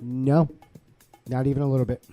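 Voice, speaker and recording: A man's voice: mid-range voice, level tone, normal speed, mellow, soft background music. A male radio host running a trivia game, joking and teasing his guests in casual banter. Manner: joking, teasing, laughs often.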